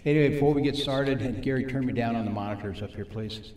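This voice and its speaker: A man teaching a live faith-based recovery group on stage, folksy, repeating points slowly for his audience. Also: mid-range voice, a little mellow, reverberant. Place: church meeting room with audience and monitors.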